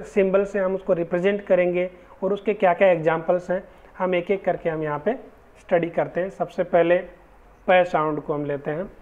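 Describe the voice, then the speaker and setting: A man teaching English phonetics in a slow, patient lecture, repeating each example word with care. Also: high voice, a little mellow. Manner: patient, deliberate, repeats example words slowly. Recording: dull lo-fi recording.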